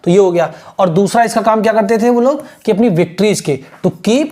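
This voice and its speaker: A man's voice: sits high, warm tone. Man dictating an English lesson. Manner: dictates slowly, repeats phrases word by word. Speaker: English tutor for exam aspirants.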